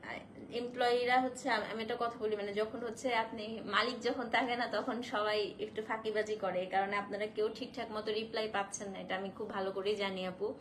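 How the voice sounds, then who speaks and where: A woman hosting a casual live stream to sell saris, feverish and in pain, speaking slowly and softly and mixing in English phrases. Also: medium pitch, level tone, a little hiss or hum. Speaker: online shop owner selling saris on a live stream.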